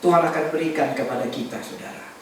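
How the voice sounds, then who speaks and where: A man preaching a sermon as pastor, animated and joking, calling for responses from the congregation. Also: mid-range voice, fast talker, slight background noise. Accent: Indonesian. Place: large church hall. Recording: echoey church hall, distant mic.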